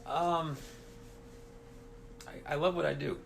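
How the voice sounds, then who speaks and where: A man's voice: fairly high pitch, fairly even intonation, slow, vocal fry. A man in his thirties, a head track coach, talking earnestly and with enthusiasm in a casual interview. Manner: earnest, enthusiastic, repeats phrases. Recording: faint background noise.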